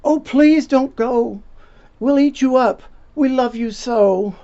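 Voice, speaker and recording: A man's voice: very high-pitched, slow pace, mellow, voice pushed up, full character voice. A man voicing wild, clingy storybook monsters in an exaggerated roaring and pleading manner. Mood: loud pleading. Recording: dull lo-fi sound, faint background noise.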